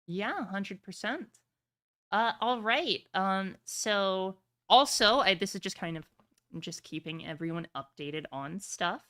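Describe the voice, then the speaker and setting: Here the same kind of informal, occasionally profane end-of-session chat comes from a woman running an online tabletop game for players and stream viewers. She speaks at medium pitch and a measured pace, her tone pushed and bright with lively intonation.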